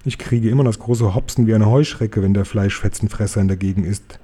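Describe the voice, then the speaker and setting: A man voicing a kind, gentle friendly giant in a storybook audiobook, playful and full of made-up words. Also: fairly low pitch, fairly even intonation, brisk, slightly rough. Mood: hushed, nervous.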